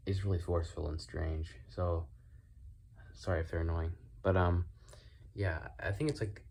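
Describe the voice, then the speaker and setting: A man's voice: low-pitched, darkish tone, a little hiss or hum. A man with whistling s sounds, rambling casually and thinking aloud as he goes from one aside to the next. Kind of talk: casual rambling solo monologue. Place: indoors in own room.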